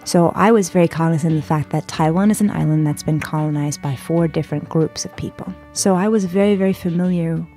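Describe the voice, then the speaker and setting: Chatty young woman, lowish voice. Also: fairly quick, hardly any pauses, dark tone, soft background music. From San Diego, California. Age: 20s. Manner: chatty, frequent "like" and "uh" fillers. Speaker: podcast guest. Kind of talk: personal storytelling interview.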